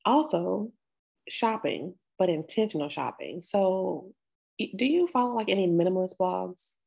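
A woman's voice: lowish voice, animated, moderate pace, gravelly, darkish tone, husky, muffled recording. An American woman co-hosting a podcast in casual conversation, responsive and often chiming in with affirmations. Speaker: podcast co-host. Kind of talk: casual chat.

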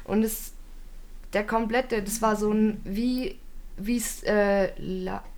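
A woman's voice: mid-range voice, steady tone, slow pace, a little mellow. A young woman, animatedly telling a funny, embarrassing story in casual chat, laughing often.

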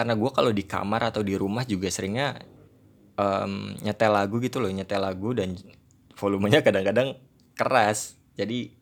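A man in his twenties with a South Jakarta accent tinged with Javanese, chatting casually in a solo podcast in self-deprecating, rambling Jakarta slang sprinkled with English. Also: fairly low pitch. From Indonesia, South Jakarta. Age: 20s. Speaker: podcast host.

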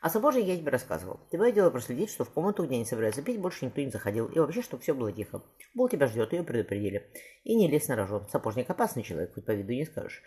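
A man's voice: medium pitch, big pitch swings, rapid-fire, a little mellow, breathy edge. A man reading an audiobook gives voice to a stern middle-aged male spymaster duke, with dry, clipped instructions.

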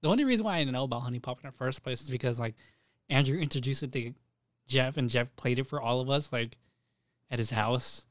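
A man's voice: mid-range voice, fast talker, no echo, studio quality. A man co-hosting a podcast in casual chat, laid-back and swearing freely as he reads names off a list. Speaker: podcast co-host.

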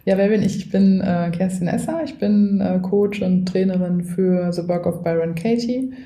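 Woman with a low, dark, gravelly voice. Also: normal speed, roomy sound. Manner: explanatory, often adding a tag question. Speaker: coach and trainer. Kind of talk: podcast interview guest.

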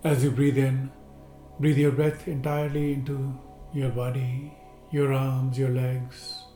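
With a level tone and a mellow, dark voice of middle pitch, a male meditation guide leads a seated relaxation practice. He is slow, gentle and unhurried, pausing long between instructions, while the room echoes and soft music plays faintly underneath.

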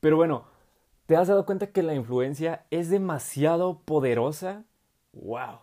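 A young man with a Mexican Spanish accent giving a casual, slangy youth sermon, animated and quick to laugh. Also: a little high. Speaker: youth preacher.

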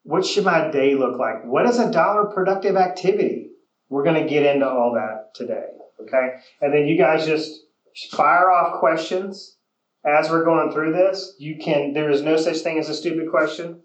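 A man's voice: on the high side, normal speed. A man with a slightly raised voice runs a training session for real estate agents. He talks straight to the group and keeps asking them to agree with him. The room around him echoes. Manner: coaching, direct, asks the room for agreement.

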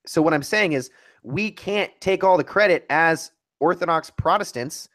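Man, podcast co-host, heated casual debate, emphatic, argumentative, somewhat high voice. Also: normal speed, a bit bright. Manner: emphatic, argumentative, restarts mid-thought.

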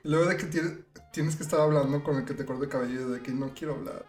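Young Mexican woman, low voice, dry self-mocking chat. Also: steady tone, fast talker, a little mellow, faint music behind. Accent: Mexican Spanish. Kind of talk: casual chat.

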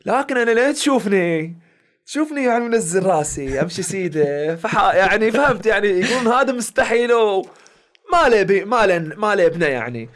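A young man, a content creator and comedian appearing as a podcast guest, recounts stories from his life in a relaxed chat, speaking with a Bahraini village dialect. He talks fast in a slightly raised, high-pitched voice and performs the lines of the people he runs into.

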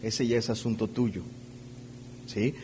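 A man's voice: fairly low pitch, steady tone, slow pace, a little mellow, slight background noise. A man preaching a conversational sermon, checking in with his listeners through rhetorical questions and playfully acting out everyday scenes. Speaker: pastor.

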